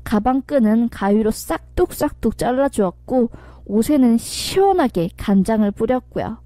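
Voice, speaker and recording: A woman's voice: a little high, lively intonation, normal speed, dark tone, no echo. A woman reading a dramatic first-person story aloud and acting out the quoted lines, with faint music behind her.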